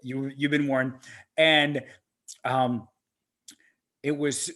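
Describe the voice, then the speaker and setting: A man chatting as a podcast co-host, reacting to a film with excited, profanity-laced energy. His voice sits at an ordinary middle pitch, and his talk is loose and conversational. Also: drawn-out words. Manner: excitable, swears freely. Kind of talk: casual movie-reaction chat.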